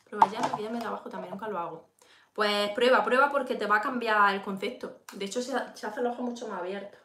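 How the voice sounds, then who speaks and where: A woman's voice: medium pitch, quick pace, pushed and bright, slight background noise. Woman, Peninsular Spanish accent, casual makeup tutorial chat, talks to viewers, echoey room. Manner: chatty, addresses viewers directly, reads and answers comments. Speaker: beauty livestream host. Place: home room during a livestream.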